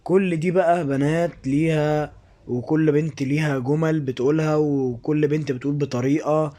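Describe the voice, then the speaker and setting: A man's voice: a little high, steady tone, normal speed, dark tone. A man with an Egyptian Arabic accent giving a casual, informal step-by-step app tutorial. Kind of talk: casual spoken screen-recording tutorial.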